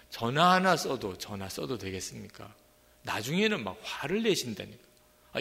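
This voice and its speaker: A man's voice: medium pitch, vocal fry, bright, forceful tone, in a large hall. A middle-aged male pastor preaching a sermon, speaking conversationally and asking his congregation rhetorical questions.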